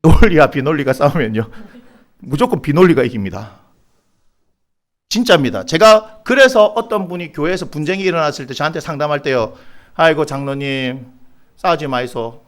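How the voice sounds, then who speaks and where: Middle-aged man, Gyeongsang accent, lively high-pitched preacher who ribs his flock. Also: a little fast. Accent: Gyeongsang Korean. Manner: animated, teasing the congregation by name, bursts of exasperation. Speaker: pastor. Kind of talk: sermon.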